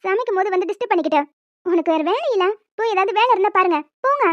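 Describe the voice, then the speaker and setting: A woman doing a very high, feisty cartoon young wife. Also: animated, very fast, dry recording, muffled recording. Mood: flustered scolding. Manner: scolding, flustered pleading. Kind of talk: cartoon voice acting.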